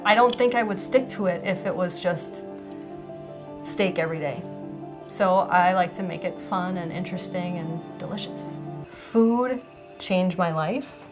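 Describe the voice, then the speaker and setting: A woman speaking earnestly and encouragingly in an interview. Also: medium pitch. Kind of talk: interview testimonial.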